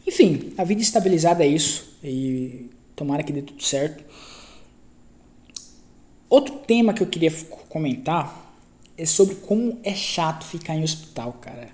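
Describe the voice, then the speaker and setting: A man with a Brazilian Portuguese accent talks through a story on his own podcast, loose and slangy. He circles back, corrects himself and repeats phrases as he goes. His voice has a soft, mellow tone. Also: on the high side, expressive, moderate pace. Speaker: podcast host. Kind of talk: casual podcast storytelling monologue.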